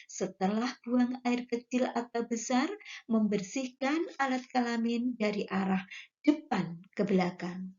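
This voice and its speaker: A woman's voice: a little high, darkish tone, muffled recording. A woman teacher, reading exercise questions aloud and then giving the answers. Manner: slow, careful, reads questions then gives answers. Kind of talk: slow classroom lesson, reading exercises aloud.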